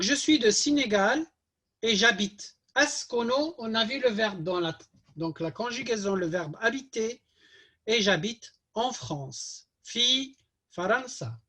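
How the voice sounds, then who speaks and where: A woman teaching a language class, reading a dialogue aloud and slowly repeating each word so learners can copy it. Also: medium pitch, fairly bright tone, slightly rough. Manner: patient, explains grammar in simple terms. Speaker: Arabic teacher.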